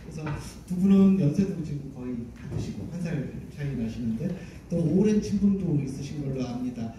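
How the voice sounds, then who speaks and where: A man's voice: on the high side, animated, fairly quick, dark tone, slight background noise. A man moderating a book launch event, asking formal questions politely and deferentially. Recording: echoey hall from far off.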